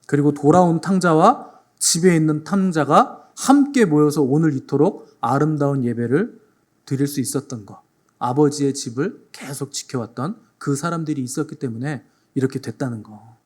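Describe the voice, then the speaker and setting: A man pastor preaching a sermon with animated storytelling who addresses the congregation directly. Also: on the high side, moderate pace, slightly rough.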